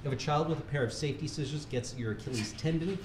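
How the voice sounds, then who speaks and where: Speaking fast in a slightly high, darkish voice, a man reads a funny article like a serious set of instructions and repeatedly breaks into laughter. He is a reader at a charity livestream, in an echoey room with faint background noise.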